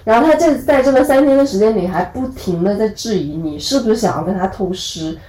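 A woman's voice: mid-range voice, lively intonation, a little fast, mellow. Woman host in a roomy recording. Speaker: podcast host. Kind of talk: casual chat. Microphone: live audio chat app. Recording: roomy live-chat audio.

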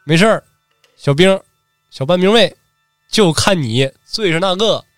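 A man's voice: high voice, animated, unhurried, dry recording, studio quality, soft background music. A man voicing an old veteran samurai who coaxes a comrade with talk of the old days. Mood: coaxing. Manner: coaxing, nostalgic.

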